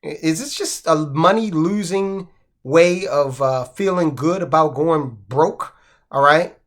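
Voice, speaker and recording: Chatty American man with a higher voice. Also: takes it slowly, fairly bright tone. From United States. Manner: conversational, asides and rhetorical questions. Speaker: finance channel host. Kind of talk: casual commentary.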